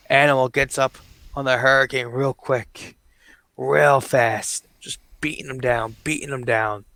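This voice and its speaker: Slow, deliberate male play-by-play caller. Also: medium pitch, fairly bright tone, no echo. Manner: deliberate, drawn-out match calls. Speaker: podcast host and commentator. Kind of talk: play-by-play commentary of toy figure wrestling.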